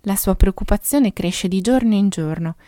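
A woman tells a children's story calmly and evenly, without rushing. Her voice is warm and mellow, and the recording is dry and close. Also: medium pitch, dry recording. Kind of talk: calm story narration.

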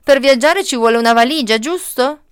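A proud, overprotective old tree from a storybook, voiced by a woman, coaxing in a sing-song way that climbs higher with every repeat. The voice sits a little high, smooth and resonant, and is recorded dry and close. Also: a little fast, no room sound, lightly acted. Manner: sing-song, repeating phrases with rising pitch. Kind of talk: storybook read-aloud.

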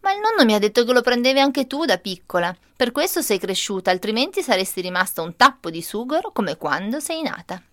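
A woman reading a children's story voices a lively, cheeky little boy who speaks brightly and excitedly. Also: very high-pitched, brisk, few pauses, dry recording, clean studio sound, full character voice.

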